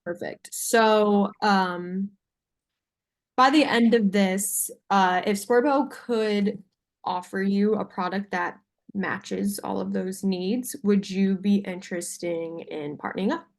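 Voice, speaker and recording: A young woman speaks as a salesperson on a video call, with a medium-pitched voice. Her delivery is informal and slightly hesitant, as she presents to a buyer. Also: steady tone, slow pace, vocal fry. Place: video call with screen sharing.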